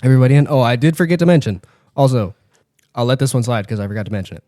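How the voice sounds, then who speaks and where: A man co-hosting a podcast, running a spelling game with teasing banter and spelling words out slowly. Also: mid-range voice, lively intonation, warm tone, no echo, studio quality.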